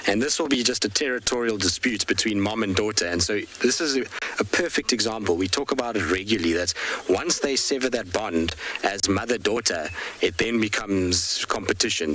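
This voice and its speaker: A man's voice: on the low side, fairly bright tone. A man giving live wildlife commentary as a safari guide, explaining things in a matter-of-fact way. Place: outdoors in the bush.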